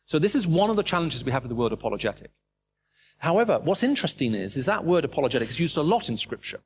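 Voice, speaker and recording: A man's voice: on the high side, very animated, fast. Middle-aged british guy preaching, emphatic, keeps asking the crowd questions, faint hum behind. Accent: British English. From raised in the Middle East. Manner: emphatic, asks the audience rhetorical questions. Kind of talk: sermon. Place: speaking to a live audience.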